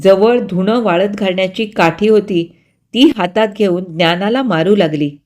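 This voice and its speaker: A woman narrates a story slowly and carefully in a voice of middling pitch, expressive and measured. She takes her time over each sentence as she tells it.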